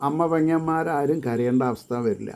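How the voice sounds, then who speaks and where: A man giving a devotional discourse, chanting verses slowly and then explaining them in quick bursts. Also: a little high, vocal fry, a little mellow. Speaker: devotional speaker.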